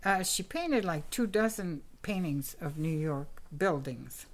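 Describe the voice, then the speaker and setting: A woman's voice: on the low side, lively intonation, unhurried. An older woman, the host's mother, casually chatting and sharing facts about an artist's life. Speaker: podcast co-host, host's mother. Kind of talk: casual chat about art history.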